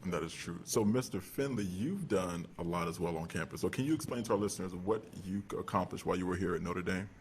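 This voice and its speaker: A man's voice: sits low, quick pace, few pauses, slight background noise. A young man hosting a student talk show, who interviews older guests politely and deferentially. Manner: polite, warm laughter, deferential.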